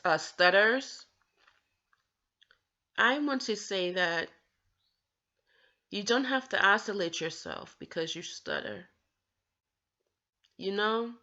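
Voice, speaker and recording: Speaking to camera about her own stutter, a woman vlogger stammers and restarts occasionally while earnestly encouraging others. Her voice is medium in pitch, pushed and bright, and the audio sounds dull.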